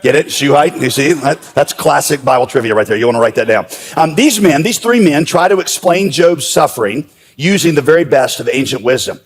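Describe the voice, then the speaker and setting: Preacher guy telling funny stories in his sermon, kinda high voice, big echoey hall. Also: a little fast. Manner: humorous storytelling, lively asides. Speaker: pastor.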